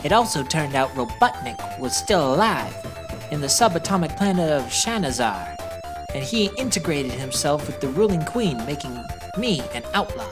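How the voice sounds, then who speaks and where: A young cartoon hedgehog hero played by a woman recaps his own story. The voice is low for a woman, matter-of-fact and wry, with music clearly underneath. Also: big pitch swings, normal speed. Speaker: narrator. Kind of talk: scripted first-person recap narration.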